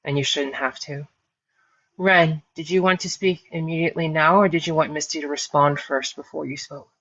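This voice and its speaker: A moderator thanking speakers and calmly directing turns in a live discussion. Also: medium pitch, normal speed. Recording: muffled lo-fi audio.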